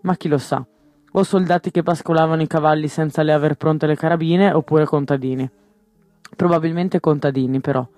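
A man's voice: a little high, steady tone, fairly quick, darkish tone, no echo, soft background music, lightly acted. A man voicing a shrewd, brash male smuggler in a novel reading, blunt and slangy.

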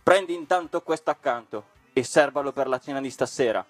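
A man's voice: mid-range voice, fairly quick, dry recording, faint music behind, voice pushed up, lightly acted. A man reading a storybook and voicing a gang of rowdy schoolboy bullies, scornful and threatening.

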